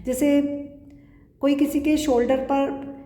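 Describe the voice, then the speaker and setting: Calm Punjabi-accented woman in echoey room. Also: high-pitched, slow pace, soft background music. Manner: calm, repetitive, mixing Hindi and English. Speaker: tarot reader. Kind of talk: pick-a-card tarot reading. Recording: roomy echo with long reverb.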